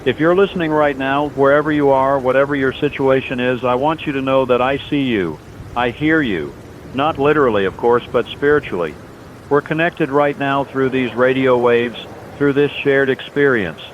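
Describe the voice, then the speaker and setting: In a scripted disaster drama, a man plays a late-night radio host delivering an emergency broadcast monologue, earnest and steadfast, his phrases solemn, reassuring, and deliberate. His voice sounds natural. The audio is dull and lo-fi, with a loud rumble from outdoors.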